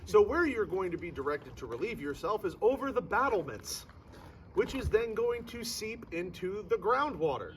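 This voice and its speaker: A man's voice: sits high, sing-song, moderate pace, a bit bright. A man working as a ghost tour guide, telling stories to a group outdoors with irreverent humour and theatrical emphasis. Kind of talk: animated storytelling to a tour group. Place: outdoors in a fort courtyard. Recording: distant mic, noisy outdoor ambience.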